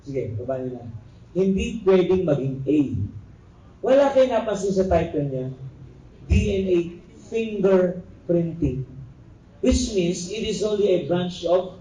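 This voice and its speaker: A man's voice: high voice, expressive, measured pace, mellow. A man with a Filipino accent giving a classroom lecture as a review lecturer, joking and quizzing his students. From Philippines. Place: lecture room. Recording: echoey room, recorder far off.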